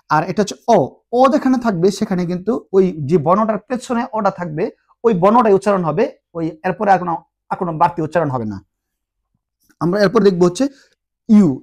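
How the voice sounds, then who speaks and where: A man teaching a tutorial lesson, patiently asking his listeners questions and answering them himself, sounding out syllables slowly one at a time. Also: sits high. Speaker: language teacher.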